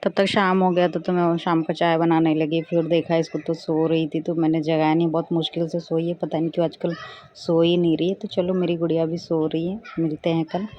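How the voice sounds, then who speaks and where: A young woman narrating a casual home vlog in a chatty, relaxed, conversational way. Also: deep voice, fairly quick, no echo, lo-fi sound. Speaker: vlogger.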